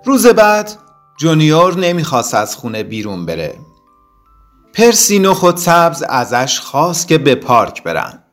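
A man reading a children's story aloud in an expressive way with dramatic pauses. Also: on the high side, soft background music.

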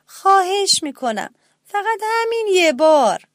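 A woman's voice: very high voice, big pitch swings, no room sound, clean studio sound, voice pushed up. A woman voicing a small, timid young mouse child who asks earnestly and pleads. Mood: pleading.

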